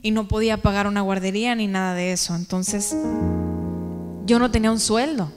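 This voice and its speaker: A woman's voice: mid-range voice, steady tone, brisk, in a large hall, over music. A woman giving an earnest, emotional testimony to a church congregation, often asking the listeners questions. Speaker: testimony speaker.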